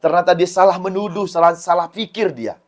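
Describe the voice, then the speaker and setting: A man's voice: sits high, fairly quick. A man giving a Sunday school sermon to children, explaining in short repeated phrases and acting out prayers with a pleading voice. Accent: Indonesian, Medan. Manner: acts out prayers and quotes in a raised, pleading voice.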